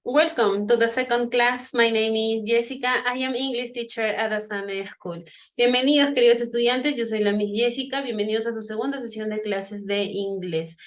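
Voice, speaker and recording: Bilingual woman teacher, fairly high voice. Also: fairly even intonation, moderate pace. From Peru. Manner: bilingual, repeats greetings in English and Spanish. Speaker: English teacher. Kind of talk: online class teaching.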